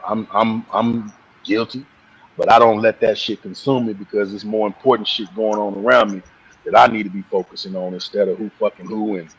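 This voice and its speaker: A man in casual live stream chat, talking in halting bursts with restarts and frequent swearing. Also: on the low side, fairly even intonation, husky, poor audio. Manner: halting, profane, many restarts.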